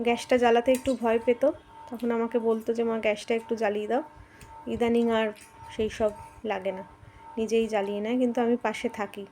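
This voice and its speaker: A woman's voice: on the high side, mellow. A middle-aged woman chatting casually to viewers in a home vlog, addressing them as friends. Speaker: vlogger. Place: home rooms.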